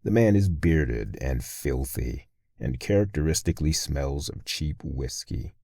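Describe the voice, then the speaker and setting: A man's voice: a bass voice, animated, unhurried, vocal fry, dark tone, no room sound, clean studio sound. A man narrating a first-person horror story in a brooding, menacing way.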